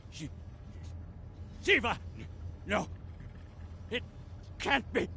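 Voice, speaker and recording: An actor playing a panicked, scheming adviser who stammers and barks orders. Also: male voice, high-pitched, sing-song, drawn-out words, bright, forceful tone, slight background noise, exaggerated voice. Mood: alarmed.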